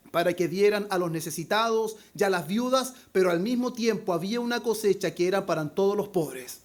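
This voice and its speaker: A pastor preaching an expository sermon, calling his listeners brothers and slowing down with added force when he quotes scripture. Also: high voice. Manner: slows down and rises in volume on scripture quotes.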